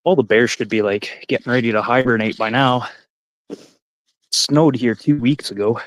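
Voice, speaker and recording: Canadian man in his 40s, live-stream hiking vlogger, rambling profane chatter, dry close sound, mid pitch. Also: steady tone, normal speed, no room sound, low-quality recording. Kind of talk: casual live-stream chat while hiking. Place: outdoors on a forest trail.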